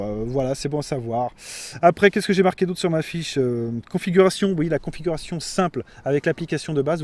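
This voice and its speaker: A man's voice: on the high side, darkish tone. A man giving a casual, rambling product review, full of fillers and self-corrections. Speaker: tech reviewer.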